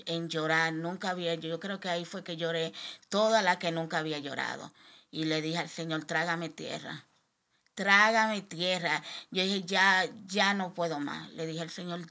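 A middle-aged woman giving a personal faith testimony on a podcast, halting and restarting, her voice rising sharply as she pleads. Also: lowish voice, fairly bright tone. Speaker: guest sharing testimony.

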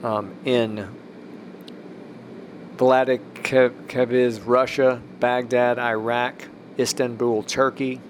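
A man's voice: mid-range voice, little pitch movement, very slow, a little hiss or hum. Rambling man hosting a faith podcast. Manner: rambling, with restarts and emphatic rises. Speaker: podcast host.

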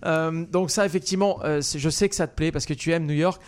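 A man's voice: on the high side, steady tone, brisk. A man hosting a radio show, chatting casually and teasing his co-hosts. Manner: teasing, joking. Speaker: radio host.

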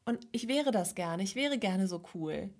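A woman's voice: medium pitch, lively intonation, measured pace, darkish tone. A woman co-hosting a podcast, chatting casually and telling self-deprecating stories, often laughing. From Germany. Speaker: podcast co-host. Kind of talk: casual chat.

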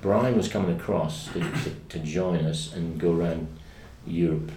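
A man in his seventies with an English accent, a guest telling lively, salty anecdotes in a casual conversation and acting out other people's lines. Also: low-pitched, moderate pace. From England. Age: 70s. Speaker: podcast guest, squash coach. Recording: roomy, distant mic, faint background noise.

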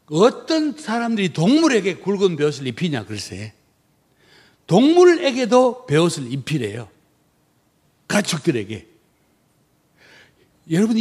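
A man's voice: a little high, darkish tone, slightly rough. A middle-aged man who is a missionary, preaching a sermon emphatically and asking the congregation rhetorical questions.

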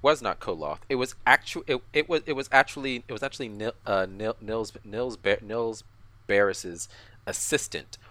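Male podcast co-host, lower register, casual recap, halting delivery full of restarts. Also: pushed and bright, no echo. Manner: halting, many restarts and repeated words. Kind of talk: casual chat, episode recap.

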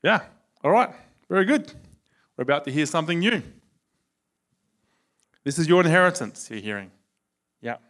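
An Australian man teaching a sermon to a live audience in a lively, conversational way, asking them questions. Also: a little high, moderate pace, long pauses. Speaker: preacher.

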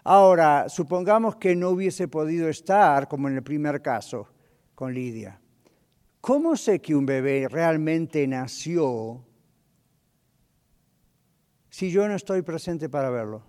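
A middle-aged male pastor preaching a sermon, animated and full of rhetorical questions. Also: on the high side, unhurried, long pauses. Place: church hall. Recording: long hall reverb.

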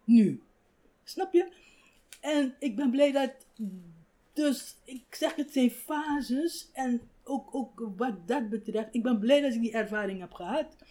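An older woman, a writer, telling stories in a relaxed conversational interview, animated and laughing often. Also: high voice, unhurried. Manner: animated, acts out quoted voices, laughs often. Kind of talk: reflective conversational storytelling.

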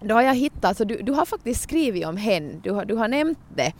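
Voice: mid-range voice, very animated. Podcast host asking engaged questions. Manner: engaged, reads quotes carefully. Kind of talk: podcast interview with read-out quotes.

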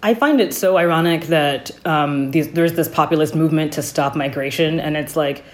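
A woman's voice: low voice, moderate pace. A woman from Ghana interviewing a guest, speaking in a direct, conversational way.

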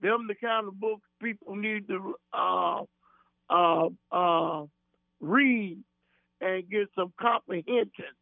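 A man calling into a radio show over a phone line, talking in an earnest, folksy way with many halting fillers and restarts. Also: high voice, creaky, no room sound. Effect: radio show caller on a phone line. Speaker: caller. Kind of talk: call-in chat. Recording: tinny phone line with mains hum.

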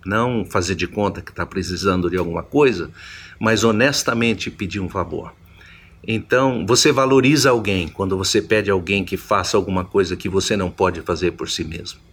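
Husky-voiced preacher. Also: male voice, low-pitched, fairly quick. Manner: reflective, repeats and restarts phrases while explaining. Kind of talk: Bible teaching sermon.

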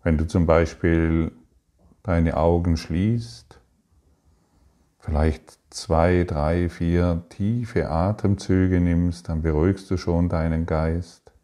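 A man giving a calm, reflective spiritual talk, speaking slowly with pauses and restarts. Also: deep voice. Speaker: spiritual teacher.

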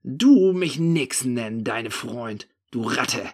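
A man voicing his own drunk, furious younger self, slurring and shouting. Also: medium pitch, animated, unhurried, husky.

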